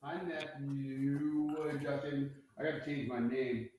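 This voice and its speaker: A man's voice: medium pitch, little pitch movement, slow pace, a little mellow, slightly rough. Man with cave-echo mic sound. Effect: echoey cave-like sound on his mic. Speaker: tabletop game player. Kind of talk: casual chat over voice call.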